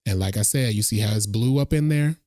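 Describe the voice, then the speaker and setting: A man hosting a casual trailer reaction, chatty and animated, thinking out loud as he watches. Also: on the low side, brisk, dry recording, clean studio sound. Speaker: reaction video host.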